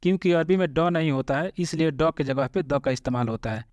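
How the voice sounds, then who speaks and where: A young man teaching a vocabulary lesson, saying each word, repeating it slowly and clearly, then giving its meaning. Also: on the high side, a little mellow, no room sound, lo-fi sound. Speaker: language teacher.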